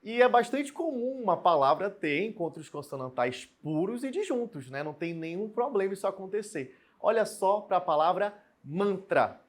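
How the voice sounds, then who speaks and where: A man teaching a recorded Portuguese lesson, explaining step by step and spelling out example words slowly. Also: high voice, expressive. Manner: explains step by step, asks students questions and answers them.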